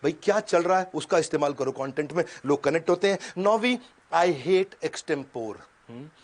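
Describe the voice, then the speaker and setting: A man coaching an audience in an energetic motivational seminar, talking in quick punchy bursts and sudden pauses, dropping English catchphrases in. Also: on the high side. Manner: mixes English catchphrases into Hindi. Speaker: business coach.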